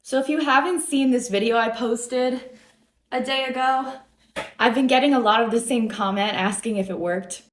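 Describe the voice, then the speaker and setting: A woman's voice: a little high, normal speed. A young woman from the United States telling a school story in a chatty, wry way. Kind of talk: casual storytime. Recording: roomy echo.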